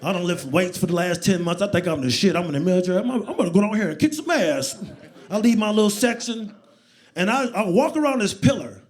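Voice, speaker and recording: Brief: man in his 40s, stand-up comic, slightly high voice, animated and loud on a handheld mic. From United States. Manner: animated, loud, acts out scenes. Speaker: stand-up comedian. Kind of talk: stand-up comedy storytelling. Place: comedy club stage.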